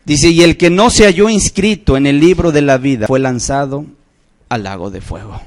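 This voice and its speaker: A man preaching a sermon in church, emphatic, rising to outcries and dropping to low solemn phrases. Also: normal speed. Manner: addresses listeners as brothers, asks rhetorical questions.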